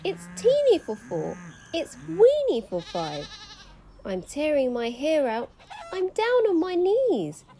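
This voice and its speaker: A woman's voice: wildly swooping pitch, slow pace, dark tone, a little hiss or hum, full character voice. A woman voicing a fussing, flustered little old lady in a children's storybook reading, pleading and exclaiming. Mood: frantic. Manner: exclaiming, pleading, rising to high squeals.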